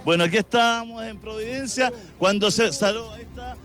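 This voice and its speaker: A Chilean-accented man with a high voice reports live and fairly quickly from a busy city avenue outside. In this street news report, he speaks conversationally and puts short questions to people walking by.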